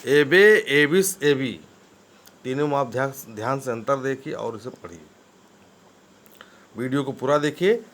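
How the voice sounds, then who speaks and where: A man gives an English vocabulary lesson at a mid-range pitch. He spells each word out slowly, letter by letter, and keeps checking that his students are following. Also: animated, fairly bright tone. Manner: spells words letter by letter, often asks "ठीक है ना?".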